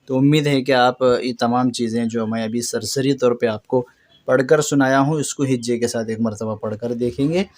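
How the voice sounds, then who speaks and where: A patient man teaching a reading lesson, who draws out each word slowly and repeats it, then explains briskly and corrects common mistakes. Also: mid-range voice, steady tone, darkish tone. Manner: slow drawn-out recitation of words between brisk explanations.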